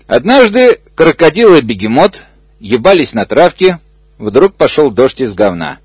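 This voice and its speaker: A man's voice: on the high side, very animated, unhurried, breathy edge, no room sound. Man reading a crude comic story aloud. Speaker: reader.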